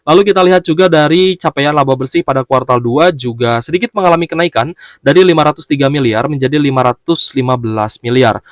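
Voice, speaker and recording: A man's voice: fairly high pitch, no echo. Man talking through stock analysis, dry close mic. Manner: steady explanatory delivery with frequent "ya, guys, ya" fillers and "eh" pauses. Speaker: stock market commentator.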